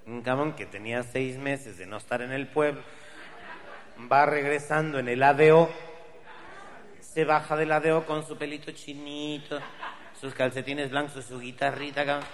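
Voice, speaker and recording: A man's voice: mid-range voice, steady tone, moderate pace, big-room sound. Male stand-up comic, Mexican accent, profane and wry storyteller. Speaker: comedian.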